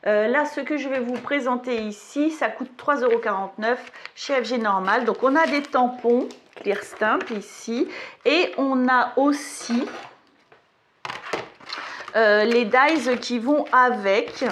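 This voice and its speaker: Middle-aged woman craft vlogger, unhurried and a touch high, rambling home demo with faint hiss. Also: a bit bright. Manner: chatty, rambling, self-mocking asides. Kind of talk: casual product haul and demo.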